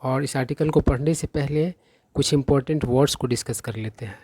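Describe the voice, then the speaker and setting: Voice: medium pitch, brisk, dark tone, breathy edge. A teacher giving a patient vocabulary lesson, explaining each word's meaning and often checking in with the class. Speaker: English teacher.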